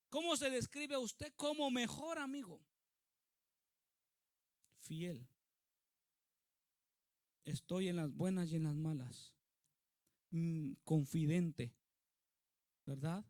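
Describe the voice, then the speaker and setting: A male pastor preaches with emphasis and keeps turning to his listeners with questions. His voice sits high for a man. The recording is dry and close, with no room echo. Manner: emphatic, asks the congregation questions. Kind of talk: sermon.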